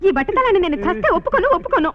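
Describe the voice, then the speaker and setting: An actress playing a quick-tempered young wife who scolds rapidly and dramatically, from an old film. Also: female voice, very high-pitched, big pitch swings, a crowd in the background. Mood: indignant. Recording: dull old film soundtrack with music.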